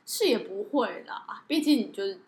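A woman's voice: mid-range voice, animated, moderate pace, echoey room. A woman co-hosts a casual chat, teasing and chiming in. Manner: teasing, interjecting. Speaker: co-host.

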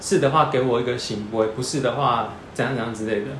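Fast-talking young Taiwanese man. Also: medium pitch. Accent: Taiwanese Mandarin. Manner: animated storytelling, laughs often. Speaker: podcast co-host. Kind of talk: casual chat. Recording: echoey room with faint noise.

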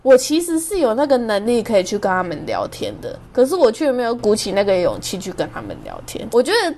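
A woman's voice: on the high side, huge pitch swings, fast talker, darkish tone, a little hiss or hum. A young woman, hosting a podcast and telling a story in a chatty, self-amused way. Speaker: podcast host. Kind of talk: casual storytelling monologue.

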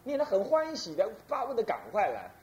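Lively abbot preaching. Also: male voice, high voice, fairly quick, slight background noise. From Taiwan. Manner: lively, folksy, demonstrates chanting aloud. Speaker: abbot giving a Buddhist teaching. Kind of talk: sermon.

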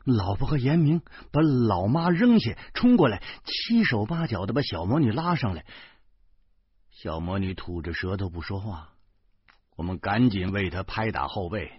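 A man telling a story in lively, dramatic Beijing colloquial speech, with a Beijing accent. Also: fairly low pitch, normal speed, slightly rough, dry recording. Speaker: audiobook narrator. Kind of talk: storytelling narration. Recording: muffled, dry close recording.

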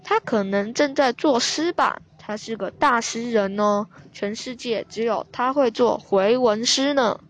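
A woman's voice: a little high, unhurried, hardly any pauses. Woman voicing a kindly old grandfather.

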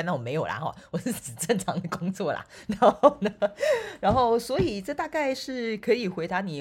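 A spiritual coach and online course instructor with a Taiwanese Mandarin accent gives a casual monologue, playful and self-mocking, with frequent laughs and filler particles. Her voice sits low and is a little mellow, with a breathy edge.

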